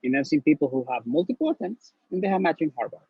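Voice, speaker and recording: Husky man, dull lo-fi sound. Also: fairly high pitch, big pitch swings, fast, no room sound. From Honduras. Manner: earnest and blunt, repeats words as he talks. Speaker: interview guest, newly matched neurology resident. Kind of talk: casual interview, giving advice. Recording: slightly dull lo-fi recording.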